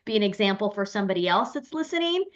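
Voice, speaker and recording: A woman's voice: mid-range voice, sing-song, fast, highs cut off. A woman hosting a casual podcast interview, affirming and encouraging her guest with frequent back-channel replies. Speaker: podcast host.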